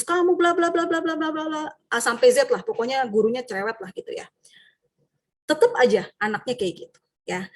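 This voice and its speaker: A woman teacher from Indonesia, giving a lively workshop talk to fellow teachers and acting out student and teacher voices. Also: fairly high pitch, husky. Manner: frequent tag questions.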